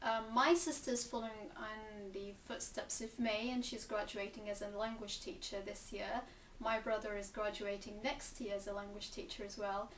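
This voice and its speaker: A woman's voice: mid-range voice, fairly even intonation, moderate pace, fairly bright tone, a little hiss or hum. A woman, answering interview questions thoughtfully, with frequent ums and restarts. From Gaza Strip, Palestine. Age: 20s. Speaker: interviewee, English teacher and graduate student. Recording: echoey room, mic at a distance, faint ambience.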